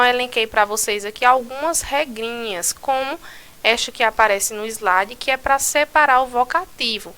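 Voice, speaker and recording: Bright, clear-voiced Brazilian woman teaching. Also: a little high. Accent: Brazilian Portuguese. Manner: didactic, explains step by step with frequent "né" and "tá certo". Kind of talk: recorded online school lesson.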